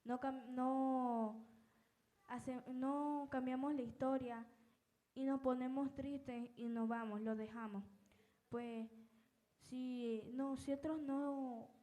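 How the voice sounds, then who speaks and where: A woman gives a testimony sermon, stumbling and restarting as she tells her story. Her voice sits a little high yet sounds mellow and soft. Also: steady tone, low-quality recording. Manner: halting, many restarts and repeated words. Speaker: lay preacher.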